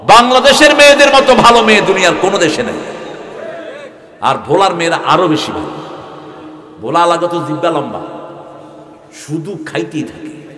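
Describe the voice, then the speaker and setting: A forceful, bright-voiced male preacher, pitched a little high for a man. He throws loud questions at the listeners, drops into low asides, and chants scripture slowly. His voice rings through a big echoing hall with a long reverb. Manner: swings between loud rising questions and low quiet asides, chants verses. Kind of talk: sermon.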